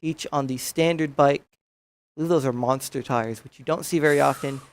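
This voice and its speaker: A young man doing play-by-play for a college esports match, steady and matter-of-fact. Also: mid-range voice, normal speed. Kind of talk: casual esports commentary.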